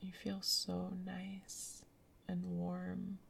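A woman whispering softly in a gentle, soothing ASMR roleplay as a caring girlfriend. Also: fairly low pitch, completely flat delivery, very slow, creaky, a little hiss or hum. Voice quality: soft whispery. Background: rain sounds.

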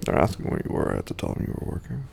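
A man in an intimate audio roleplay, sleepy and hungover, murmuring and whispering softly as if half asleep. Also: very fast, slight background noise.

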